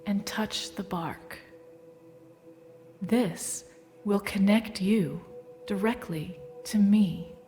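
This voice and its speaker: A woman playing a serene, motherly Earth Mother goddess in a guided-meditation audio drama, with a warm, soothing, softly breathed voice. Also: medium pitch, lightly acted. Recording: music bed behind the voice.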